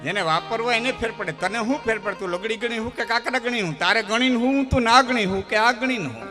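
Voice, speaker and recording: A man telling folk stories at a live dayro program, using rhythmic repetition that builds into loud declamations. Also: very high voice, quick pace, music in the background. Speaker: folk storyteller.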